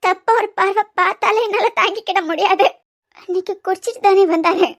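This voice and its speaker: A woman's voice: very high-pitched, steady tone, brisk. A woman with a Kanyakumari Tamil accent voicing an anxious young wife in a cartoon web series, her speech pleading and tearful. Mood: worried, tearful.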